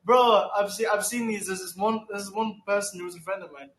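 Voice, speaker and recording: A man chatting casually on a podcast, agreeable and quick to chime in with "exactly" and "no way". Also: high-pitched, fairly even intonation, fairly bright tone. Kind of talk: casual chat. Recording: echoey room with faint background noise.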